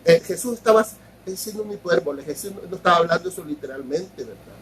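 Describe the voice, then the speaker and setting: A man's voice: high-pitched, lively intonation, fast, fairly bright tone, poor audio. A man preaching a sermon as pastor, explaining step by step, repeating words and often asking his listeners if they follow.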